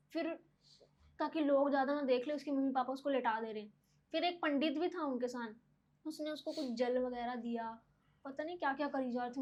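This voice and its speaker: A young woman, a podcast guest, telling personal stories in a casual, animated way, often using filler words. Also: high-pitched, rough recording. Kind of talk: casual storytelling.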